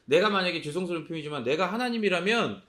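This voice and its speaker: A man's voice: sits high, lively intonation, rapid-fire. A male pastor preaching a sermon, asking rhetorical questions and answering them himself. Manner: acts out quoted lines in a sharp voice.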